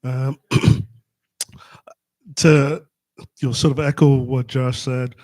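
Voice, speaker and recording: Hoarse deputy police chief, flat and dark. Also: male voice, mid-range voice, takes it slowly, dry recording. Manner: apologetic, plain. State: hoarse from a cold. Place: community meeting room.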